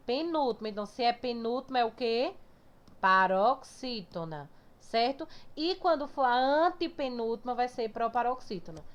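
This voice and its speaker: A woman teacher explaining a grammar lesson step by step to her pupils, often checking understanding with short tag questions and slowly drawing out words as she sounds out their syllables. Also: on the high side, fairly bright tone. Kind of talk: recorded remote class lesson. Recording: dull lo-fi recording.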